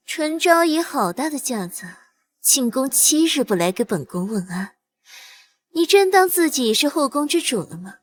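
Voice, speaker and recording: An actress playing a scheming, haughty imperial noble consort in a period costume drama, cold and commanding. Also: female voice, high voice, very animated, moderate pace. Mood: imperious.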